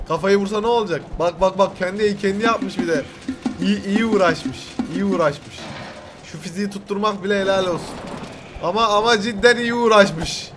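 Excitable young man reacting loudly. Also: high-pitched, noisy background. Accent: Turkish. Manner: loud exclamations, laughs and teasing slang. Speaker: YouTuber reacting to an animation.

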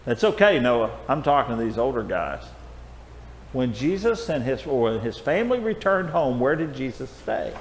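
A man's voice: mid-range voice, big pitch swings, normal speed. An older man teaching a children's Bible class, friendly and coaxing as he calls on the kids by name, in a church auditorium recorded from a far camera. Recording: echoey hall from afar with faint noise.

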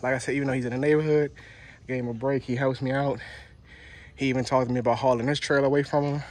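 A man's voice: mid-range voice, flat delivery, fast, a little mellow. A man running a junk removal business, talking loosely to camera outdoors at a house, with lots of fillers and slang. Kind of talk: casual vlog talk to camera.

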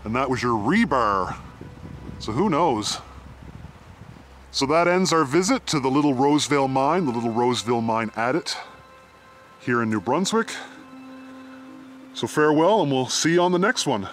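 Soft music plays behind a Canadian man who hosts a mine exploration series, his relaxed, off-the-cuff narration following him with the camera inside a small tunnel and through the woods. His voice sits at medium pitch with lively intonation, a moderate pace, and frequent pauses.

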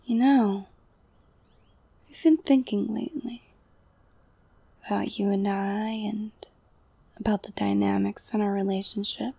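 A young woman whispering an intimate ASMR roleplay, slow and soothing, softly domineering and coaxing. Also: medium pitch, steady tone, creaky, breathy edge, no room sound. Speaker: audio roleplay performer.

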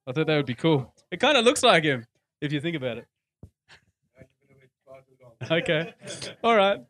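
A man's voice: a little high, big pitch swings, normal speed, a bit bright. A man preaching a sermon in church, conversational, repeating phrases for emphasis. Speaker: pastor.

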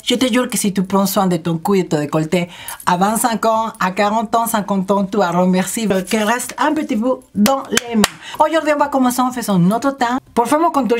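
Chatty energetic woman makeup vlogger. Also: mid-range voice, noisy background. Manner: addresses viewers directly. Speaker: beauty vlogger. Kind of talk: casual chit-chat makeup tutorial.

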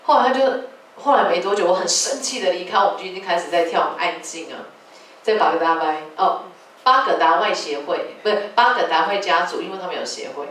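Animated woman talking in an echoey hall. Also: on the low side, fairly quick. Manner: lively storytelling, animated retellings of quarrels. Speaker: artistic director of a dance company. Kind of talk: public talk. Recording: echoey hall from far off, faint noise.

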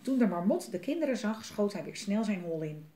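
A woman's voice: medium pitch, fairly quick. Woman reading a storybook, echoey. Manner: lively, expressive reading. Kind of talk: reading a children's book aloud.

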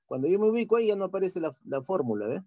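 Patient male teacher talking through software steps. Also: high-pitched, sing-song, rapid-fire, no room sound, clean studio sound. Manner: patient, repeats steps, frequent tag questions. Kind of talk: online class software tutorial.

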